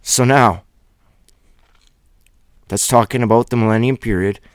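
A man's voice: medium pitch, measured pace, no room sound, studio quality. A middle-aged man giving an earnest, emphatic Bible teaching by video, with a preacher's fervor.

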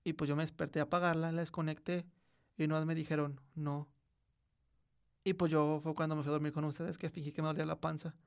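A man's voice: a little high, flat delivery, fast talker, clear, resonant tone. Slangy Mexican man telling a ghost story. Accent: Mexican Spanish. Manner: slangy, swearing, acts out a child's quiet voice in quotes. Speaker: podcast host. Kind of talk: casual storytelling chat.

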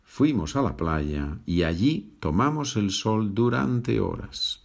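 A man teaching in a podcast lesson from home, speaking slowly and repeating each phrase, then switching to English to explain it. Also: on the low side, expressive, vocal fry. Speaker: language teacher.

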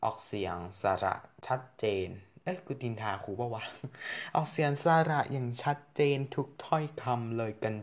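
A man's voice: mid-range voice, normal speed. A teenage boy telling a story in a casual vlog, chatty, correcting himself and swearing casually. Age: teens. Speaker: student storyteller.

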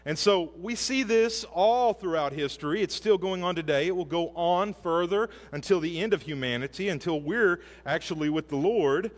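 A man preaches a sermon, retelling scripture in a folksy, animated way. His voice sits a little high and keeps jumping in pitch as he tells the story. A long reverb trails his words, as in a large church hall. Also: normal speed, few pauses.

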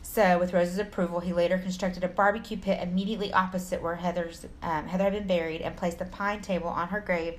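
A Texan woman with an American accent co-hosts a true crime podcast, reading a story informally with casual asides and stumbles. Her lowish voice is flat and fast with few pauses, and there's a little hiss or hum.

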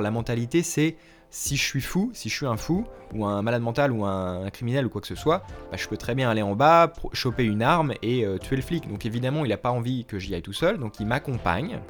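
A young French man telling a story in a casual, slangy way, acting out the lines he quotes. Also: medium pitch. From France. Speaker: language vlogger.

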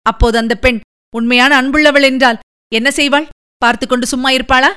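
A woman's voice: sits high, steady tone, fairly quick, sharp tone, clean tone. A woman reading the part of a grief-stricken young noblewoman in an audiobook, pleading and tearful.

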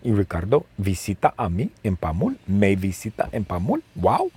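A man telling a simple story slowly and playfully, repeating phrases and asking the listener questions. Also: lowish voice, big pitch swings, darkish tone, slightly rough. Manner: playful, with sound effects. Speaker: storyteller for language learners. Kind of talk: slow, simple storytelling with lots of repetition.

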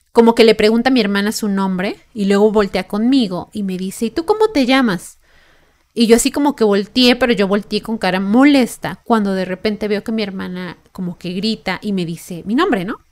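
Young Mexican woman, podcast host. Chatty first-person storytelling, filler-heavy, mid-range voice. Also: mid-range voice. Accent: Mexican Spanish. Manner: chatty, lots of fillers and tag questions.

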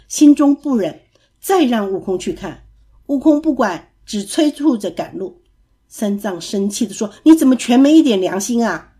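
A woman narrating a classic tale for children in a lively, expressive storybook reading. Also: medium pitch, breathy edge.

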